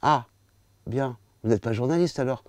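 A man's voice: mid-range voice, normal speed, no echo, natural voice. A man in his sixties voicing an older male writer speaking politely on the phone while telling his story. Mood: courteous. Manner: polite and formal.

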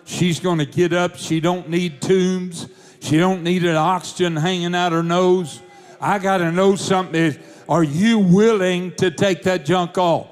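A man's voice: high-pitched, steady tone, measured pace, clear, resonant tone. A man preaching, telling a testimony in a fervent storytelling manner. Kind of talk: sermon testimony.

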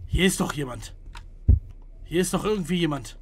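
A young man giving casual gameplay commentary to his viewers, jumping between hushed whispers and loud startled calls. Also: fairly high pitch, expressive, normal speed, slight background noise. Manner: jumpy, hushed then loud, talks to viewers. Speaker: gaming streamer.

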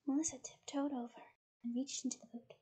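Soft whispering woman reading a bedtime story. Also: high voice, steady tone, brisk, breathy edge, low-quality recording.

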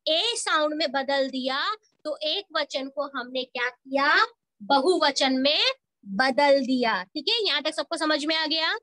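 Woman, Hindi teacher, high voice, slow and patient, asks and answers herself, online class. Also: fairly bright tone, no room sound. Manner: asks questions and answers them herself, addresses pupils as beta; mixes English words into Hindi. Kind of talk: online grammar lesson. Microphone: video call recording.

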